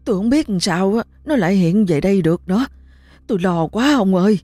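A woman's voice: mid-range voice, expressive, fairly quick, dark tone, dry recording, lightly acted. A woman voicing a terrified older wife in a ghost story who wails and pleads in panic. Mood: panicked. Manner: panicked, wailing.

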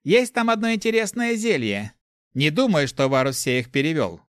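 A man's voice: on the high side, very animated, moderate pace, clean tone, no room sound, clean studio sound, pitched above the performer's own voice. A man voicing a playful young male thief who teases and makes grand speeches. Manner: teasing, grandly theatrical.

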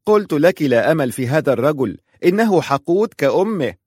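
A man reading a storybook, voicing an alarmed mother who scolds her daughter loudly in a raised voice. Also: fairly high pitch, sing-song, a little fast, breathy edge, no room sound, studio quality, pitched above the performer's own voice. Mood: alarmed scolding. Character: anxious older mother, sharp-tongued and scolding.

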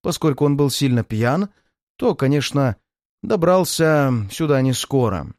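A man narrating a detective story as an audiobook reader, with expressive storytelling. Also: medium pitch, unhurried, no room sound, clean studio sound. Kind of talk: scripted narration.

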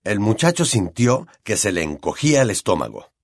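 A man with a Latin American Spanish accent narrating an audiobook in an expressive storytelling manner. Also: fairly low pitch, normal speed, dry recording, clean studio sound. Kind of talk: scripted narration.

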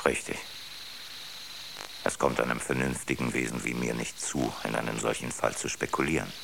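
In a radio drama, an actor voices a cool, rational ship's computer that considers itself superior, speaking in a measured, pedantic, matter-of-fact manner with a coolly factual mood. His bass is creaky and deliberately exaggerated, with fairly even intonation. The background is noisy.

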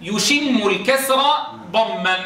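High-voiced man teaching recitation in an echoey room. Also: bright, forceful tone. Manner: explains step by step, drawing out sounds slowly to demonstrate; keeps checking understanding with quick questions to students. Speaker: Quran teacher. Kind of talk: classroom lesson on recitation rules. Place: classroom with students. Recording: echoey room, voice from a distance, faint noise.

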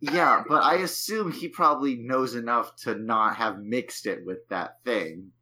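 Bright, blunt-talking man at a game table. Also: mid-range voice, unhurried, breathy edge. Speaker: player. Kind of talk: casual tabletop play.

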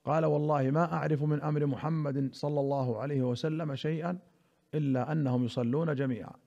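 A man with a slightly raised pitch reads and explains classical religious texts in a careful, deliberate manner, slowing down on key words. The recording sounds muffled and lo-fi, like an old radio broadcast. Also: steady tone, vocal fry, dark tone. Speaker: radio presenter and religious scholar.

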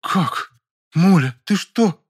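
A fussy older housekeeper, doting and quick to take alarm, as a male narrator puts her on. She laments and rattles through her words in a raised, higher voice. It is a storybook voice with a fretful edge. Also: lively intonation, slightly rough, heavily acted. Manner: lamenting, rapid patter.

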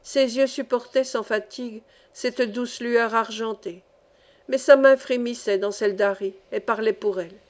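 A woman reading an adventure novel aloud in steady, expressive scripted narration. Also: a little high, normal speed. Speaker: audiobook reader.

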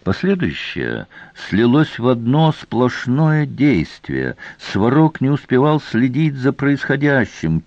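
A man reading a fantasy audiobook as narrator, with even, steady storytelling, in a dry, slightly dull recording. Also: mid-range voice, dry recording.

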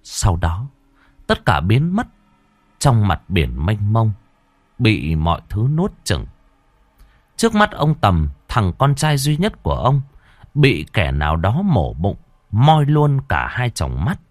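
A male storyteller reads a horror tale at an unhurried, deliberate pace. His lowish voice rises and falls with lively expression, recorded close and dry. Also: dry recording. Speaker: narrator. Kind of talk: dramatic horror story narration.

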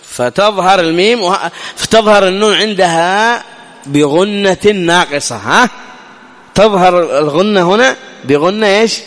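A man with a high voice teaches recitation rules. He asks the listener questions and drags out each sound to demonstrate it. The sound rings with a long hall reverb. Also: moderate pace, fairly bright tone. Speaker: tajweed teacher. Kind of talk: recorded lesson explaining recitation rules.

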